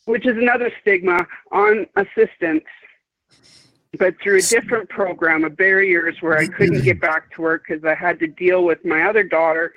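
This caller, a woman in her fifties with a fairly low voice, rambles through a casual chat in an outspoken, emphatic way with some swearing. The phone line is dry and tinny, without echo.

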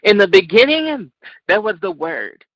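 A man calling in to a radio show over a clipped phone line, a freestyle rapper hyping himself up with boastful, rapid patter. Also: high-pitched, big pitch swings, a bit bright, no room sound. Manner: hyped, boastful, quick-talking hype-man patter. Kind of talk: call-in radio chat. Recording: dull phone-line audio.

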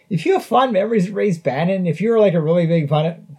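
A man's voice: high-pitched, expressive, brisk, mellow, slightly rough. A man hosting a podcast, reviewing a show in casual chat and chuckling often between phrases. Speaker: podcast host. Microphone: podcast mic.

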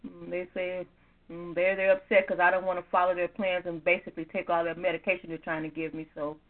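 A woman talks over a speakerphone, her voice thin and tinny down a phone line with a steady mains hum behind it. She rambles in a chatty, upbeat way and laughs easily, calling in from her home office. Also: on the low side, fast. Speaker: caller to a prayer line. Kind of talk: casual phone call.

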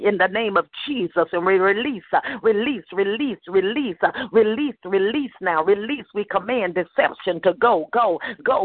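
Preacher, male, high voice, fervent chanting prayer with tongues, over a tinny phone line. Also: no echo. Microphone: phone line to a radio prayer call. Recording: dry phone-line sound.

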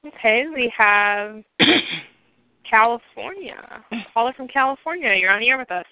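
A woman's voice: on the high side, lively intonation, a little slow, no echo. Chatty woman host on a phone line. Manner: chatty, laughs often. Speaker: host of a call-in radio show. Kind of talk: casual call-in chat.

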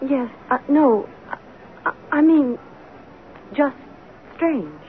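A frightened teenage girl in a vintage radio play, hushed and stammering. She speaks slowly in a high voice. The sound is thin and phone-like, with hiss. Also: expressive. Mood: timid. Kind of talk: 1940s radio acting. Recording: tinny old radio broadcast with hiss.

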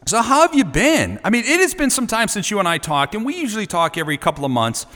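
A man's voice: high voice, big pitch swings, fast, sharp tone, in a large hall. A man hosting a radio show, interviewing a guest energetically and joking around. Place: radio studio.

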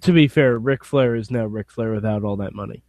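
A man's voice: lowish voice, a little fast, darkish tone, dry recording, studio quality. A man co-hosting a casual chat, tossing in blunt, wry quips. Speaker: podcast co-host.

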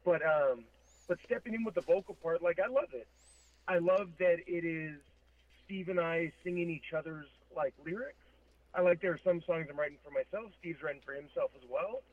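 A man's voice: a little high, normal speed. A man speaking as a musician guest in a casual interview, reflective and thinking aloud, over a remote call. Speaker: metal band vocalist, interview guest. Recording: thin, phone-like call audio.

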